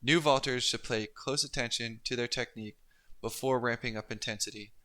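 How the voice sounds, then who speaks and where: A man giving instructional narration as a coach, explaining each step in a careful, unhurried way. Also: medium pitch, steady tone, bright, forceful tone. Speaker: pole vault coach and instructor. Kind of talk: instructional narration of technique and demonstrations.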